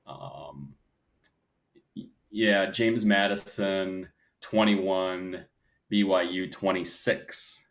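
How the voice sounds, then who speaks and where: A man's voice: low voice, very slow. A man with a Wisconsin accent hosting a casual sports podcast, conversational, correcting himself and asking his guest questions. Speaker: podcast host.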